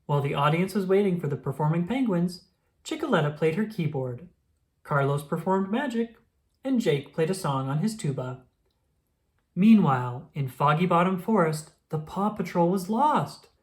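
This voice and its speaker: A woman reads a children's picture book aloud, telling the story expressively at a normal speed in a fairly low voice.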